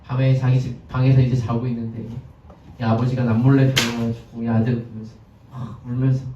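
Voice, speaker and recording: A man's voice: mid-range voice, little pitch movement, brisk, background noise. A male pastor giving a conversational sermon, chatting with the congregation and putting questions to them. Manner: chatty, asks the congregation questions, acts out scenes. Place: church sanctuary. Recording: echoey, distant, dull lo-fi sound.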